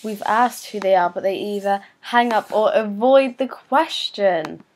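Woman, mid-pitched, hushed and coaching, casual sleepover chat with faint hiss behind. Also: unhurried. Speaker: friend coaching the prank calls. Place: home, at a sleepover.

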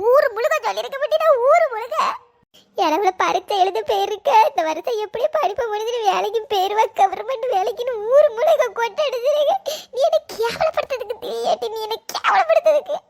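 A woman's voice: very high-pitched, vocal fry, heavily acted. A woman voicing a scolding middle-aged village mother.

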